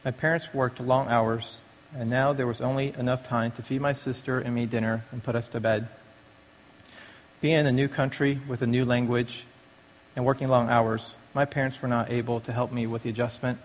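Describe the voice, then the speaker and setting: In a large, echoing hall at a church recovery meeting, a man gives his prepared personal testimony at a normal speed with a medium pitch and level tone. He was born in Taiwan and has lived in the United States since he was five, and the recording carries a long reverberant echo.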